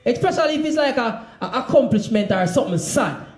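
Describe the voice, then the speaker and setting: Casting: Jamaican male stand-up comic, very high voice, animated storytelling, echoey noisy venue with crowd laughter. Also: fast. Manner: animated, acting out quoted remarks in Patois. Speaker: stand-up comedian. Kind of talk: stand-up comedy, telling anecdotes. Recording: echoey live venue with clear background noise.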